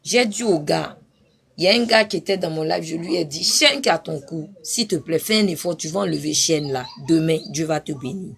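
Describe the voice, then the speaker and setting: A woman's voice: low-pitched, a little fast, vocal fry. A woman preaching her testimony on a live stream, fervent and repetitive, breaking into sudden cries. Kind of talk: impassioned spoken testimony.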